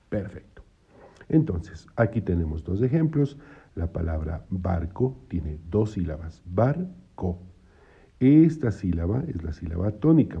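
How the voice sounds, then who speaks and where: Deep gravelly man teaching syllables. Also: highs cut off. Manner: patient, repeats points, asks "¿no?". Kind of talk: explaining biblical Hebrew syllables.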